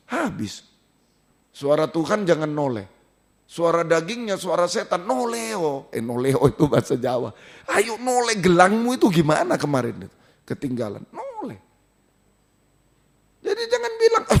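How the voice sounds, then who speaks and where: A male pastor from Indonesia delivers an emphatic sermon. His voice sits a little high for a man and leaps about in pitch. He swings between loud exclamations and quiet asides, questioning the listeners.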